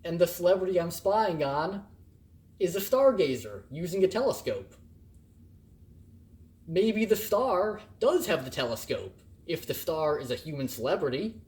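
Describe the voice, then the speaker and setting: Male lecturer, slow and deliberate, lively swooping pitch, playful classroom delivery. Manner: animated and playful, acting out examples in varied emphasis. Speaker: college instructor. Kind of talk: recorded lecture.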